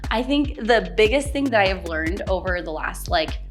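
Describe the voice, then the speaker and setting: A woman's voice: medium pitch, expressive, moderate pace, over music. A woman in her twenties talking in a chatty confessional interview, filling her talk with little asides. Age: 20s. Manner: chatty, filler-heavy, giggly. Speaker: reality show contestant.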